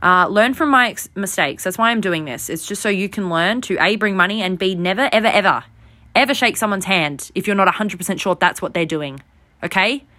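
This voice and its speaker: A young woman hosting a podcast, telling a rambling, self-deprecating story in a casual, animated way. She sounds overtired. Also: medium pitch, a little fast. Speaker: podcast host.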